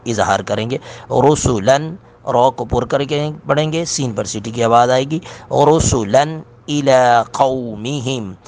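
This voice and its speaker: A man teaching Quran recitation, chanting verses slowly and melodically, then briskly explaining pronunciation rules. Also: mid-range voice. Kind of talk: tajweed lesson with recitation.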